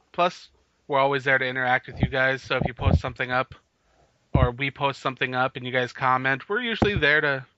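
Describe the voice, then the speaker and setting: A man's voice: mid-range voice, pushed and bright, no echo. A man co-hosting a casual sports podcast, leading the talk and laughing often. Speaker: podcast co-host. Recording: dull lo-fi podcast audio.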